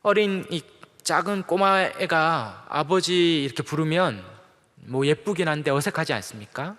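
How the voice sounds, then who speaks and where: A middle-aged male pastor preaches a sermon in a playful, conversational style, acting out little quotes in a somewhat high, bright, animated voice at a measured pace. He speaks in a large church sanctuary, and the recording has the long reverb of a church hall.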